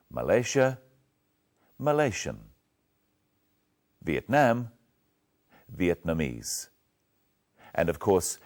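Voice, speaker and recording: A male English teacher walking learners through a lesson, speaking slowly and with great care. His voice is deep, and his intonation moves up and down a lot. He patiently drills the words one at a time. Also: a little mellow. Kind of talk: slow, clear lesson narration.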